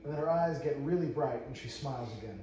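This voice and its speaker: At a table read, a man narrates the screenplay's stage directions, stumbling and going back over phrases. His voice is medium-pitched and dark, and he reads fast. The sound carries faint noise and room echo, with the mic placed far from him.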